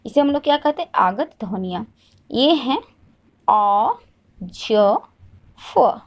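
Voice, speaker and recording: A woman's voice: fairly high pitch, expressive, slow. Hindi teacher woman quizzing and repeating. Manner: asks questions and answers them herself, repeats each point. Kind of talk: classroom lesson.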